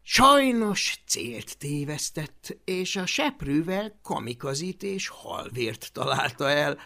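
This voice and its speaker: An audiobook reader narrating a children's story in an animated, expressive way. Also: medium pitch, vocal fry.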